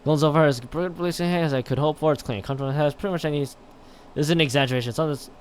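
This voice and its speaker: A man reads a visual novel live on a game stream, his voice on the high side and fast, with a little hiss or hum in the audio. He stumbles over lines, repeats words, and adds exasperated side comments.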